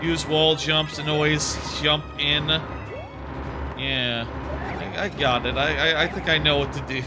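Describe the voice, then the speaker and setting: Over background game music, a man chats in an unhurried way about the game he's streaming, rambling and full of fillers. His voice is on the high side with a steady tone, and a sore throat makes him slightly sniffly.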